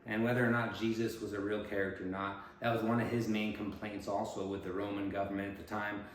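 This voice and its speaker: Low-voiced man rambling in an echoey room. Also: little pitch movement, fast talker. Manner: digressive, musing, tag questions. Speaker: independent political candidate. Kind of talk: rambling casual monologue.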